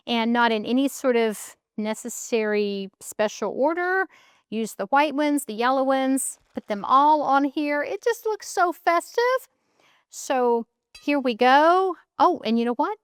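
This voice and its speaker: A woman hosting a home cooking show chats and thinks aloud while decorating a cake in her kitchen. Her voice is a little high and fairly bright. The recording is clean and studio quality, with no room sound.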